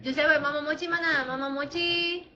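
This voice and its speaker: A young woman with a Jakarta Indonesian accent and a slurred, cadel r answers viewers playfully on a casual livestream. Her voice sits high with fairly even intonation, brisk and sharp in tone, and the stream audio is slightly dull and lo-fi.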